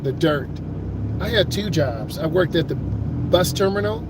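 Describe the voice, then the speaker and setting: A man's voice: sits high, expressive, moderate pace. A middle-aged American man talking casually as a driving instructor, with streetwise, emphatic, slangy storytelling. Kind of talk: casual chatty talk during a driving lesson. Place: inside a moving car. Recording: loud car and road noise.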